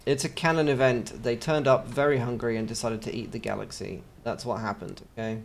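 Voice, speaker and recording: A man's voice: mid-range voice, fairly even intonation, brisk, gravelly. Chatty English man casting a strategy game. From England. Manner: chatty, joking asides. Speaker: game caster. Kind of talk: video game commentary.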